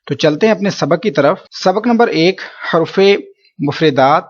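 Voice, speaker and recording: Male recitation teacher, slightly high-pitched, patient and repetitive delivery, muffled lo-fi recording. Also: lively intonation, slightly rough. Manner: patient, repeats points with "theek hai". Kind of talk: explanatory lesson.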